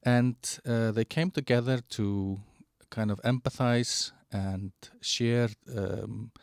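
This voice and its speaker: A man giving a halting walkthrough of an online platform, with many fillers and restarts. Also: medium pitch, fairly even intonation, gravelly, dry recording, studio quality. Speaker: presenter of a digital platform. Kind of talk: screen-share product walkthrough.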